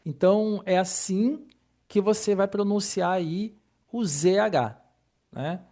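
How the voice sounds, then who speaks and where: A man's voice: high-pitched, takes it slowly, mellow. A man teaching Mandarin pronunciation in an online lesson, patiently explaining and repeating each sound.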